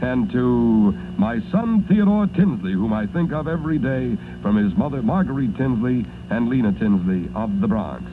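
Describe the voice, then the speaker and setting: Casting: American male 1950s radio DJ reading dedications, animated intonation, noisy vintage broadcast sound. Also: medium pitch, moderate pace, hardly any pauses, narrow, tinny audio. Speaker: radio disc jockey.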